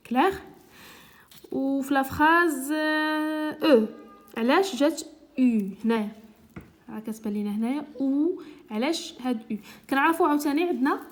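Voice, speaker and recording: A woman teacher with a Moroccan Arabic accent explaining a lesson patiently, repeating words slowly and often checking that she is understood. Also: high voice.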